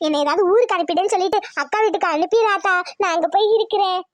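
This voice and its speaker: A woman's voice: very high voice, racing, dry recording. A woman doing an eager village daughter. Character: chatty teenage village daughter.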